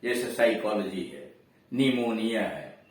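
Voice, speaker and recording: Slow, lively-pitched teacher in an echoey room. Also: male voice, recorded from a distance. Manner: explains slowly, repeats each rule, spells words out letter by letter; checks understanding with quick questions. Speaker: English grammar teacher. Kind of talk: classroom lesson. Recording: echoey room, voice from away from the mic.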